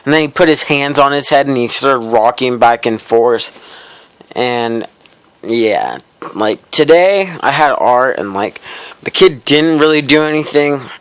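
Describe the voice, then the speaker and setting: A man's voice: medium pitch, lively intonation, a little slow, fairly bright tone, clear, resonant tone, dry recording. A teenage boy vlogging, telling a school story in a casual, rambling way full of "like". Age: teens. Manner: rambling, heavy use of "like"; laid-back, wry.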